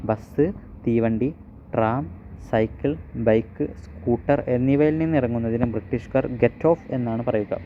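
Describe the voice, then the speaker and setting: A man reading a children's comic aloud for a kids' channel, with chatty asides and small fillers in between. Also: medium pitch. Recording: slightly dull recording, faint noise.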